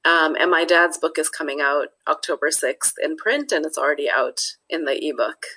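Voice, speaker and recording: A woman's voice: deep voice, moderate pace, pushed and bright, breathy edge, poor audio. A woman from Nepal, a guest author talking through her thoughts in a casual interview, often restarting phrases and adding "you know.".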